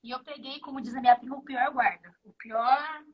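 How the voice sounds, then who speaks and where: High-voiced Brazilian woman telling a lively story. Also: fairly quick, husky, muffled recording. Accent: Brazilian Portuguese. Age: 50s. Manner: animated storyteller who acts out the dialogue. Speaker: guest. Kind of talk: casual interview chat.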